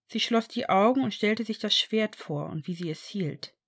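A woman narrating a story in an even, steady audiobook reading. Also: medium pitch, normal speed. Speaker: fan fiction reader.

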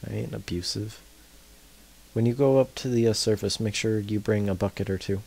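Young guy w/ lowish voice chatting thru a survival game, swears a lot. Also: steady tone, moderate pace, vocal fry. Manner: loose, swears and shouts off-mic at family. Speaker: gaming channel host. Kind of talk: casual gameplay chat.

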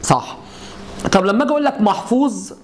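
Egyptian guy teaching grammar, fairly high voice, asks the class stuff constantly, middle-aged. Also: brisk, a little hiss or hum. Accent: Egyptian Arabic. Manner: explains step by step with repeated rhetorical questions to students. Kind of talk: classroom lesson at a whiteboard.

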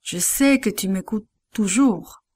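A woman voicing a gentle, calm male teacher in a children's Bible story, read softly and kindly. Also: mid-range voice, slow.

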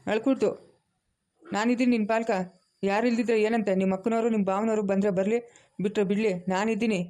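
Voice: medium pitch, little pitch movement, a little mellow, natural voice. Someone voicing a stern commanding grandfather. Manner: scolding, commanding, rapid. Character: stern elderly grandfather, head of family. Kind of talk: cartoon family drama dubbing.

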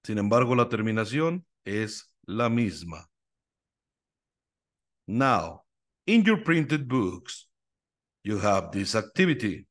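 A man teaching English numbers to students, slowly repeating each word three times and explaining in Spanish with a Mexican accent. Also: on the low side, big pitch swings. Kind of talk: slow, repetitive English lesson drill.

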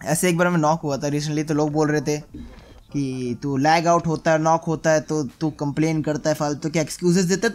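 A young man with a notably high-pitched voice talks through his gameplay as a channel host. He keeps it chatty and jokey, teasing himself as he goes. Quiet background music plays under him. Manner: joking, self-mocking, chatty. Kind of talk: gameplay commentary.

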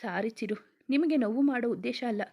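Casting: woman doing a gentle, apologetic young woman for a storybook, slightly high. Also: a little fast, husky. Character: regretful young woman turning down a suitor. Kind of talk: storybook reading.

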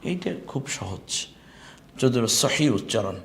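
A middle-aged man teaching an online Quran class, explaining pronunciation and repeating letter sounds slowly and with emphasis. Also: mid-range voice, animated, fairly bright tone, a little hiss or hum.

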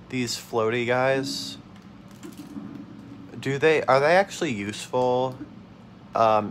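Slow-talking man reacting to gameplay. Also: medium pitch, a little hiss or hum. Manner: excitable, yelps and laughs at mishaps. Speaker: let's play host. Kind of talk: casual gameplay commentary.

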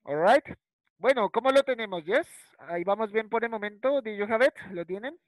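Over a video call, a high-pitched man teaches first-grade English at a moderate pace, switching between Spanish and English. He is a primary school English teacher who repeats words patiently and checks in with ¿cierto? and ¿listo? at the end of lines. The sound is dry, narrow and tinny.

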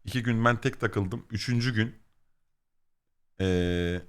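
A man's voice: on the low side, slow pace, clean tone. A young man casually telling funny stories to his viewers, swearing and acting out the dialogue. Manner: animated, swearing, acts out quoted exchanges. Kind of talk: casual storytelling to chat.

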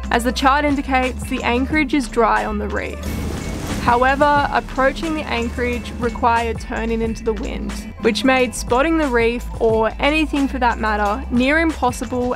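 A young woman narrating a casual sailing vlog, chatty and a little nervous, sometimes poking fun at herself. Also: on the high side. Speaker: sailing vlogger. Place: outdoors on a sailboat at sea in wind. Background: music and waves.

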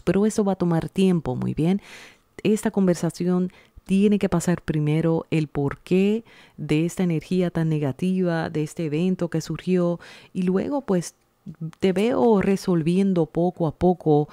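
Soft-voiced woman giving a tarot reading. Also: lowish voice, no room sound, clean studio sound. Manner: slow, soothing, reassuring, speaks directly to the viewer. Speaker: tarot reader. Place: indoors at a table, hands seen laying out cards.

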